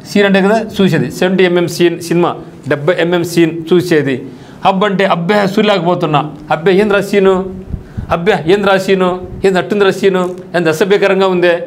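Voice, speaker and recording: A man's voice: high voice, slight background noise. A male teacher who explains English vocabulary for an exam, asking rhetorical questions and mixing in casual local speech. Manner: explains English words in Telugu with colloquial asides and rhetorical questions. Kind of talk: exam-prep vocabulary lesson.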